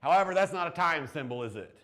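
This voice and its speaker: A man in his forties teaching math in a classroom, talking through problems in a chatty, encouraging way. His voice sits a little high for a man, and he drops in joking asides with his students. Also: animated, quick pace, a bit bright. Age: 40s.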